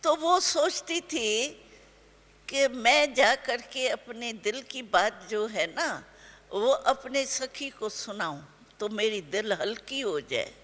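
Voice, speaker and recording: Older woman giving a spiritual class, slow and gentle, a bit high, big echoey hall. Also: expressive. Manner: slow, gentle storytelling with homely examples. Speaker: spiritual teacher. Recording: long hall reverb.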